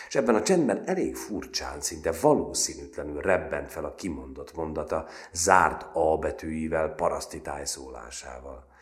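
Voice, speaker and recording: Very deep-voiced male audiobook narrator. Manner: measured, expressive storytelling. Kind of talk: audiobook reading of a novel.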